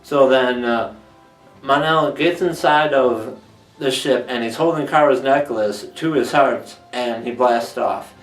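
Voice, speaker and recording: A man casually recapping a TV episode, joking as he goes and slipping into quick voices for the characters. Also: mid-range voice. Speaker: TV episode reviewer. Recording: roomy, distant mic with music underneath.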